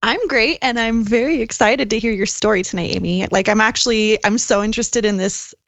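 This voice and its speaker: Higher-voiced woman co-host. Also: a little fast, a bit bright, no echo. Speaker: podcast co-host. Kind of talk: casual chat.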